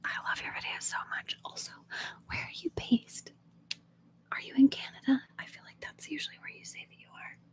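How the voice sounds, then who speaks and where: This young ASMR host from Oklahoma keeps a brisk pace as she whispers to viewers during a live stream, fielding questions and frequently breaking into laughter. She's captured on a phone mic.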